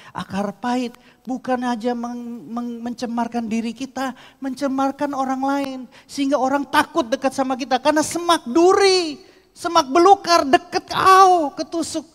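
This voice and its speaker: A man preaching a sermon as pastor, moving from quiet teaching to loud, impassioned prayer. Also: extremely high pitch. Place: church hall. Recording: long church reverb.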